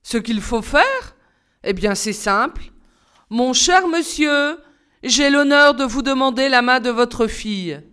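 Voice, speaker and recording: A woman voicing a young, charming male doctor who talks in a smooth, coaxing way in a storybook reading. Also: high-pitched, lively intonation, slow pace, a bit bright, exaggerated voice.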